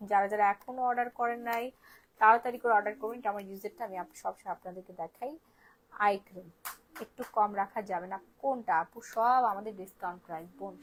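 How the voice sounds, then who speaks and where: A woman's voice: mid-range voice, slight background noise, poor audio. A woman selling skincare on a phone live stream, repeating prices in pushy sales patter while sounding tired and unwell. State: tired and unwell, speaks softly. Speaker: online shop seller.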